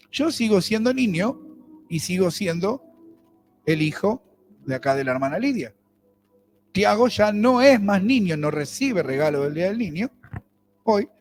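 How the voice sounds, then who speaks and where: Speaking with a high pitch, this pastor delivers his sermon in a chatty style with a Rioplatense Spanish accent. He keeps asking questions of the people in the pews.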